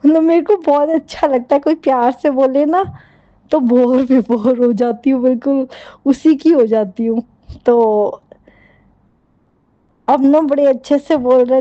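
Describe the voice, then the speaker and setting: A woman's voice: high-pitched, dark tone, no room sound, highs cut off. A middle-aged woman giving a devotional testimony, fervently repeating her thanks over and over.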